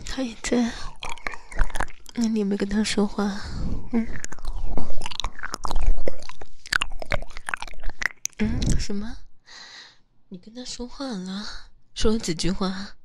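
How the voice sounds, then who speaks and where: A woman's voice: mid-range voice, steady tone, slow, pauses often, noisy background, natural voice. Woman whispering as a jealous possessive lover. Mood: jealous scolding. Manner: whispery, teasing and scolding close to the ear. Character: jealous possessive young lover scolding partner. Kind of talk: whispered role-play.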